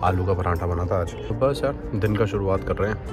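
A man's voice: sits low, brisk, over loud music. A man in his thirties chatting cheerfully and jokingly in a family vlog, mixing in English words. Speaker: vlogger. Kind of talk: casual family vlog chat.

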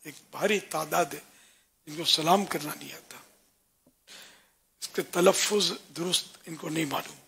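An older man giving religious guidance in a soft voice that often drops to a whisper, stretching out words slowly. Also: on the high side, slight background noise. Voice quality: raspy. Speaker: religious scholar answering questions.

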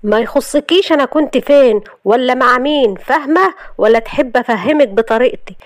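A woman's voice: sits high, a little fast, dry recording, clean studio sound, voice pushed up, lightly acted. A woman voicing a cold, harsh husband. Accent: Egyptian. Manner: cold and threatening.

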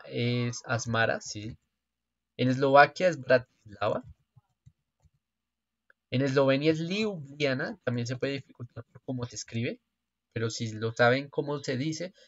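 Brief: male host, mid-pitched, casual quiz commentary, hesitant self-corrections, dull lo-fi dry sound. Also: no echo. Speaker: geography channel host. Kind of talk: thinking-aloud quiz commentary.

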